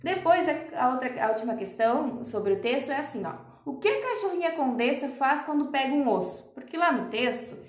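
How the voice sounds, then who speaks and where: A woman's voice: high voice, lively intonation, echoey room. A young woman teacher with a Brazilian Portuguese accent, patiently explaining a lesson to children, checking often that they follow. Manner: patient, explains slowly with many "ó" and "tá?". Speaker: primary school teacher. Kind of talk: recorded remote class lesson.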